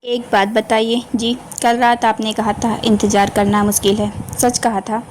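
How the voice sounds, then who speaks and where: A woman voicing a gentle young romantic husband who speaks softly and tenderly in an audiobook. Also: fairly high pitch, little pitch movement, unhurried, slight background noise, lightly acted. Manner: soft, tender, teasing.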